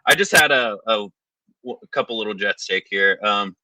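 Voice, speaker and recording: Very bright, forceful low-voiced male caller. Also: normal speed, no room sound, rough recording. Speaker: caller to a sports show. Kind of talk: casual fan chat and opinion.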